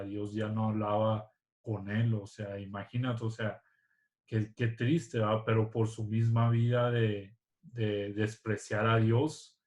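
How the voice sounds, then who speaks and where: A man gives an informal sermon in a slow, level voice with little rise and fall. He stops and restarts his phrases and keeps checking in with his listeners. The room around him rings with echo. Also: on the low side, a little mellow. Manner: halting, repeats words, tags lines with "¿va?". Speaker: church speaker.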